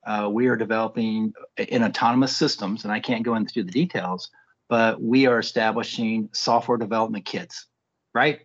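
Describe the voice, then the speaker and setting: A man's voice: lowish voice, steady tone, moderate pace, breathy edge. A man giving briefing remarks over a video call, often restarting phrases and tagging points with "right?". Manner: restarts, tag questions "right?". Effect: heard over a video call. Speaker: Air Force program leader. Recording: muffled video-call audio.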